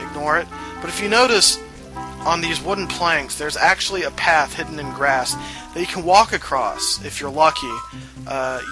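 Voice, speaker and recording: Man, Southern US origin, laid-back walkthrough commentary, slightly high voice, music in the background. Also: rough recording. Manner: casual, explanatory, many fillers and asides. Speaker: let's play host. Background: game music.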